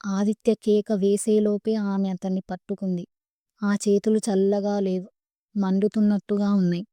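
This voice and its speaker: Dark-voiced woman narrating horror. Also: medium pitch, no room sound. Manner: measured, suspenseful delivery. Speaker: storyteller.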